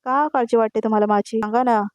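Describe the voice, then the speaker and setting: A woman's voice: a little high, steady tone, quick pace, smooth, dry recording, highs cut off, natural voice. A woman reading the lines of a jealous young heroine who needles with sarcasm. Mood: sarcastic.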